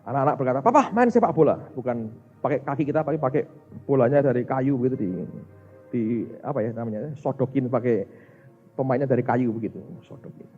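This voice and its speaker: A man, a pastor preaching a sermon, speaking directly to his congregation in an animated way. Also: medium pitch, fast talker. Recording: muffled recording with faint music.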